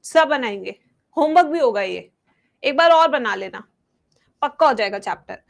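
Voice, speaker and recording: High-voiced woman teacher dictating notes. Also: expressive, gravelly. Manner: Hindi-English mix, drawn-out dictation alternating with quick asides. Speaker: biology teacher. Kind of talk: exam-prep lesson, dictating a table.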